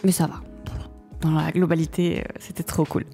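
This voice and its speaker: A woman's voice: low-pitched, flat delivery, moderate pace, creaky, dark tone, soft background music. A young woman chatting casually and colloquially with her partner. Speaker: co-host of a couple's channel. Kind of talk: casual chat.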